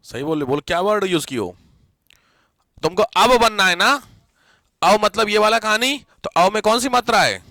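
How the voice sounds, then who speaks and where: A man's voice: high-pitched, moderate pace, long pauses, dry recording, studio quality. A man teaching a live grammar class, quizzing and teasing his students as he goes. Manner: lively, teasing, questions students often.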